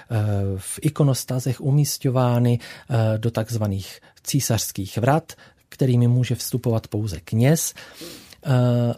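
A man's voice: medium pitch, warm tone. A man who paints icons, a radio guest explaining patiently with many hesitations and filler sounds, in a studio.

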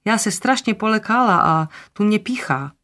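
A narrator voicing a short, round foreign cleaning woman who talks high and in broken grammar. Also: lively intonation, bright, forceful tone. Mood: anxious.

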